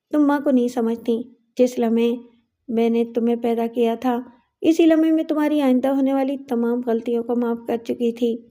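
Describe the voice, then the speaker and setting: A woman's voice: fairly high pitch, warm tone, lightly acted. A woman voicing an anxious, loving middle-aged mother who pleads with emotion in a raised voice.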